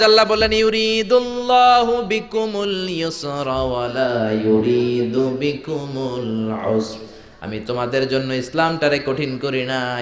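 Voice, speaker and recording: A man preaching a sermon, animated and storytelling, often calling on the crowd to answer and shouting. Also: on the high side. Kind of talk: Islamic sermon (waz). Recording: echoey hall, muffled lo-fi sound.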